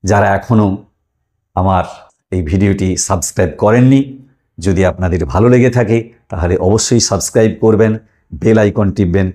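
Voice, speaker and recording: A man's voice: on the low side, normal speed, pauses often, mellow. A man teaching a lesson online, explaining step by step, drawing out sounds and asking listeners questions.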